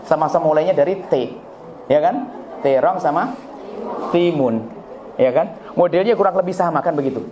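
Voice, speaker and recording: A man preaches a religious talk to a live audience in a gathering hall, acting out family dialogues and tossing jokes and questions to the crowd. His voice is a little high and a little mellow, at a moderate pace with frequent pauses, recorded in an echoey hall with slightly dull sound, a faint crowd and slight background noise.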